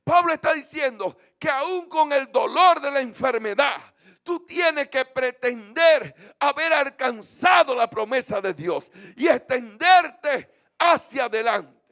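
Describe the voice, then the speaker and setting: A man with a Dominican accent, a pastor preaching a sermon to his congregation. He calls on them to repeat phrases back to him and breaks into sung, shouted lines. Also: extremely high pitch, animated, takes it slowly. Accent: Dominican Spanish. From Dominican Republic. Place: church.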